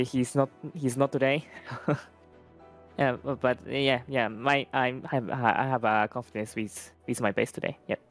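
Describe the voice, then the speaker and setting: Halting man, smooth voice. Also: mid-range voice. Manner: halting, searching for words. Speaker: sim racing driver. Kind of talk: post-race interview.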